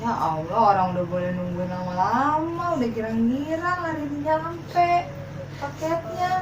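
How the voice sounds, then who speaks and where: A woman's voice: high voice, lively intonation, normal speed. A mother chatting sympathetically to her family, sighing often. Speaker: mother filming a family prank. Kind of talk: casual family chat. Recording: echoey room, distant mic, background noise.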